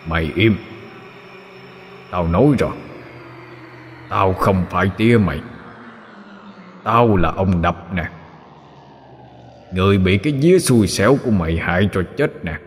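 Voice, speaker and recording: A man voicing a vengeful male demon possessing an old man, hoarse and echoing, slow and menacing. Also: deep voice, animated, slight background noise. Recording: long hall reverb.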